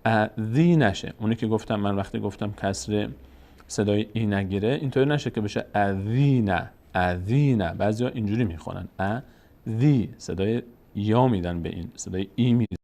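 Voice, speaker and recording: A man with a Tajik accent teaching Quran reading in a recorded lesson. He speaks slowly and patiently, drawing out each sound and repeating it. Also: on the low side, gravelly, a little mellow.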